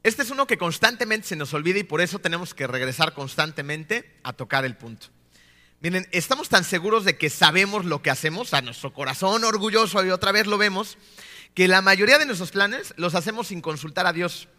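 A man in his thirties, a pastor, preaching a sermon full of rhetorical questions and often slowing down to stress his key points. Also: high voice, lively intonation, bright, forceful tone, in a large hall. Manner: rhetorical questions with frequent tag "¿no?".

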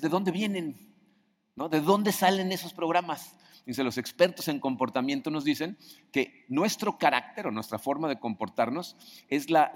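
A man preaching a sermon in a conversational way, often asking his audience questions. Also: fairly high pitch. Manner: conversational, asks the audience questions, acts out quoted voices. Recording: long hall reverb.

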